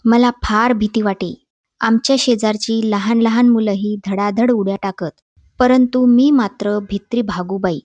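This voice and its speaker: A woman narrates a children's textbook story in a clear, measured reading. Her voice sits a little high. The voice-over is dry and somewhat dull. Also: steady tone, a little mellow, no room sound.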